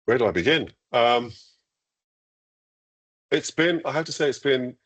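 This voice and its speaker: A man from Iceland, an international school leader, answering questions in a live interview, enthusiastic and measured, with frequent ums and restarts. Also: mid-range voice, animated, fairly bright tone.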